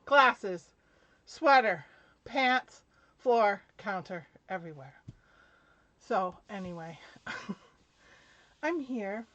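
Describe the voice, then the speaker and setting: A middle-aged woman hosting a live craft product demo, chatty and a little out of breath, laughing between pauses. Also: medium pitch, lively intonation, fairly bright tone, no echo. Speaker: craft demonstrator. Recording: dull lo-fi live stream audio.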